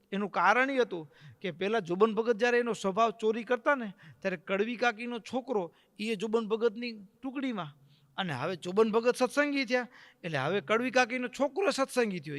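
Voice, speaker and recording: High, bright-voiced preacher. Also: male voice, big-room sound. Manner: dramatic, acts out the characters' voices. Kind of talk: devotional storytelling sermon.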